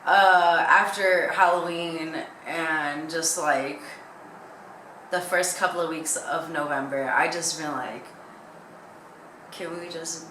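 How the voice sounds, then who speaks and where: A woman's voice: deep voice, fairly even intonation, takes it slowly. A young woman chatting casually in a candid, rambling way that jumps from thought to thought, like a vlogger talking to viewers. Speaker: YouTuber. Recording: echoey room with faint background noise.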